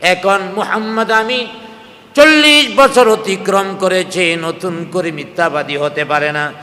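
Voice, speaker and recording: A man preaching a sermon on scripture, impassioned, swinging between loud cries and low, half-sung phrases, with speech. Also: measured pace, big-room sound. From Bangladesh. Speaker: Islamic preacher. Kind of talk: sermon, Quran commentary.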